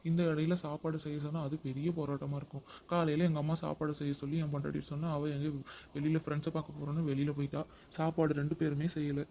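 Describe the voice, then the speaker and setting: A man's voice: a little high, little pitch movement, quick pace, warm tone, a little hiss or hum, close to an everyday voice. A man playing a harried young husband caught between his wife and his mother in a comedy sketch. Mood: weary. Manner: exasperated, pleading.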